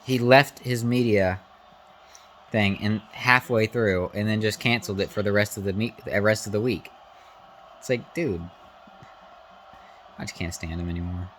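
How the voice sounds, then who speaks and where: A man giving casual, opinionated live reactions to a sports game, slangy and informal, swinging between excitement and grumbling. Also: on the low side, normal speed, long pauses, a little hiss or hum.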